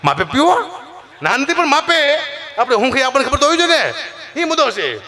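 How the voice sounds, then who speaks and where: Lively high-voiced man telling stage jokes. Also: fairly quick. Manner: animated storyteller, voice jumping high for punchlines. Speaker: folk comedian. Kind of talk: Gujarati dayro stand-up storytelling. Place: live stage show.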